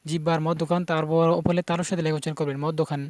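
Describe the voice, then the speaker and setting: A man's voice: on the high side, flat delivery, very fast, darkish tone, dry recording. A man teaching Quran pronunciation, patiently repeating each letter sound and explaining where it is made in the mouth. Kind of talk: pronunciation lesson.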